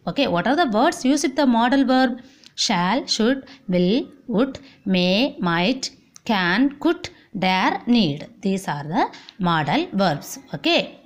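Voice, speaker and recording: A woman with an Indian English accent teaching an online vocabulary lesson, repeating words slowly and saying "okay, see" often. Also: a little high, sing-song.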